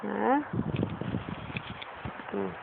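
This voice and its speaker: A mother, cooing slowly in soft baby talk to her infant. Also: medium pitch, creaky. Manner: cooing, sing-song, slow and soft. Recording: muffled phone-like home video with hiss.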